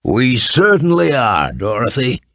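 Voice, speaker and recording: A man voicing a huge, kindly, courteous storybook lion with a deep, pleasant voice. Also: wildly swooping pitch, measured pace, a bit bright, no echo, exaggerated voice. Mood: warm, courteous. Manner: courteous, kind. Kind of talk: storybook character voice.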